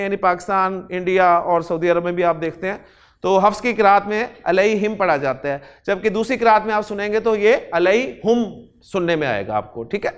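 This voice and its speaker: A man from Pakistan teaching Arabic grammar in a lecture, explaining step by step, slowing down to spell out Arabic words and answering his own questions. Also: sits high, clean tone. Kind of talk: classroom lecture.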